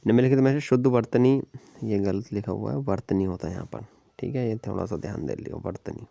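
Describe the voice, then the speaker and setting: A man's voice: lowish voice, a little fast, creaky, warm tone, no room sound, clean studio sound. A man teaching an exam-prep Hindi spelling lesson, explaining each answer step by step and often checking in with "okay" and "remember this". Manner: explains step by step, repeats "ठीक है" and "याद रखिएगा".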